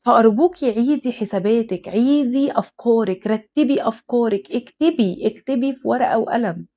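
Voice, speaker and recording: A woman's voice: fairly high pitch, brisk, warm tone. A young adult woman with an Egyptian accent, hosting an advice talk and speaking earnestly and emphatically, straight to the listener. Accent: Egyptian Arabic. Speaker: host. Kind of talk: direct-to-camera advice talk.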